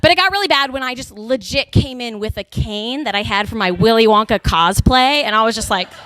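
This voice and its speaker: A young woman from Texas doing a stand-up comedy routine, telling animated stories and slipping into character voices. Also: on the high side, fairly quick, smooth.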